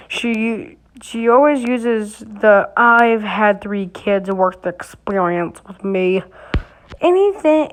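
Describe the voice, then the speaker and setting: A woman's voice: medium pitch, poor audio. A woman reading an online post aloud for her vlog, in a casual way that often stumbles and restarts mid-sentence. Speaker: YouTuber reading Reddit posts.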